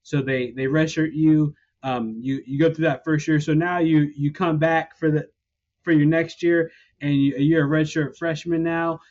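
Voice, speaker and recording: Sports podcast host guy, kinda high voice, talks things through, dull lo-fi audio. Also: steady tone, moderate pace, darkish tone. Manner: opinionated, explains step by step. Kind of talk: casual chat.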